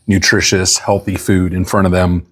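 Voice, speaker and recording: A middle-aged man giving earnest, measured explanations as a guest in a casual interview. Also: deep voice, little pitch movement. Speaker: police chief, interview guest.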